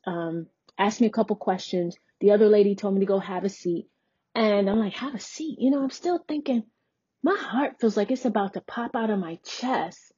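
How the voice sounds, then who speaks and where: A woman's voice: medium pitch, mellow, husky, dull audio. A woman hosting a podcast, earnestly and emphatically retelling a personal experience. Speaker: podcast host. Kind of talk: personal storytelling.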